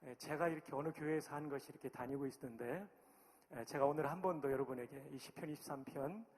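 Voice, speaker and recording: A man's voice: medium pitch, fast talker. A middle-aged man from Chungcheong, a pastor and former army chaplain, preaching a sermon in a friendly, chatty way. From Chungcheong, Korea. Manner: friendly, chatty, cheering the crowd on. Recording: long hall reverb.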